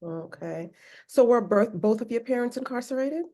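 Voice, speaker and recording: Animated and a little high in pitch, a woman hosts a podcast interview at a moderate pace. She offers warm encouragement and speaks about God's grace in religious language.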